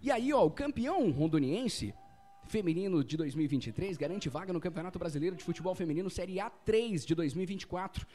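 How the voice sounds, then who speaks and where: A man's voice: high voice, animated, fast talker, mellow. A Brazilian man giving live football play-by-play in a chatty way, often repeating phrases. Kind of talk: live match commentary.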